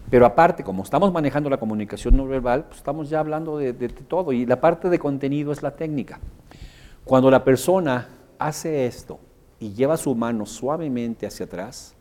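A Mexican man leads a workshop in a room full of participants. His voice sits at an ordinary, middle pitch. He jokes with the group and drops his voice low and soft when he acts out examples. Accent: Mexican Spanish. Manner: animated, joking, acts out examples. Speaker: workshop instructor. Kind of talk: live workshop teaching. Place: workshop room with a live audience.

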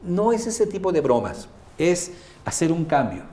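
A man's voice: fairly high pitch, sing-song, unhurried, dark tone. A man with a Mexican accent, teaching a coaching lesson with frequent hesitant filler sounds. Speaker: coaching instructor.

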